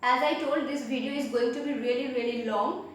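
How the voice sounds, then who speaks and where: A high-pitched woman gives an English grammar lesson, going back over her points and rephrasing them as she goes. Her voice rings through a very echoey room. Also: fairly even intonation, brisk. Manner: explanatory, repeats and rephrases with "I mean". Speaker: English teacher.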